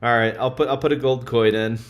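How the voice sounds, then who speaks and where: A man's voice: medium pitch, steady tone, a little fast, highs cut off. A man playing in a tabletop game, joking playfully and laughing often. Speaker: player. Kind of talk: casual tabletop play. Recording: roomy echo with faint noise.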